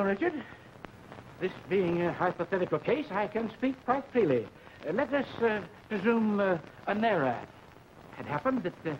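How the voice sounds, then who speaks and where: High-voiced, blustering screwball comedy father. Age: older. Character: blustering, grumpy older father of the bride. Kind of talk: 1940s screwball comedy film banter. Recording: muffled, noisy 1940s film soundtrack.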